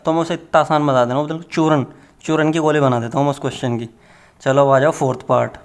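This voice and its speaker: A young man teaching a maths lesson in a playful, chatty way, with teasing asides as he works through the problems. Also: medium pitch.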